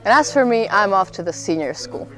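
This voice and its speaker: A woman's voice: medium pitch, expressive, a little fast, bright, forceful tone, faint music behind. A teenage girl from the Czech Republic, a student guiding a school tour in a chatty, lightly humorous way. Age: teens.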